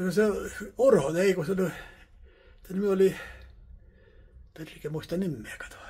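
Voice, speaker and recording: Rambling man with a high, husky voice; casual, repetitive, salty-mouthed sauna monologue. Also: mellow. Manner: rambling, repetitive, swears often. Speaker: vlogger heating a sauna.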